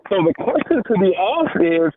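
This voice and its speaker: A man's voice: high voice, sing-song, moderate pace, no echo. A man calling into a talk-radio show, heard over a muffled phone line, earnestly building his point with restarts. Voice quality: muffled, as if underwater. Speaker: radio call-in caller.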